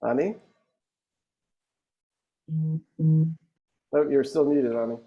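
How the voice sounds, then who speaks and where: A man with a high-leaning voice moderates a webinar over a video call, speaking very slowly in a loose, conversational way with light chuckles. The recording sounds muffled.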